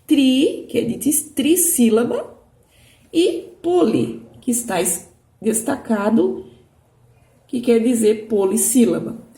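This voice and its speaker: A woman is teaching a recorded lesson to young pupils. Her fairly high voice rises and falls widely. She stretches out key words patiently and keeps checking that the children follow. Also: big pitch swings, mellow. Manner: slow, sing-song, stretching key words. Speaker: primary school teacher.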